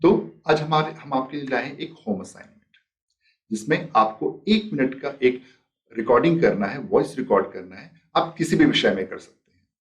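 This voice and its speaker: A man's voice: mid-range voice, animated, normal speed, far from the mic. A man teaching a life skills lesson, explaining step by step and acting out example sentences. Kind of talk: spoken lesson with demonstrations.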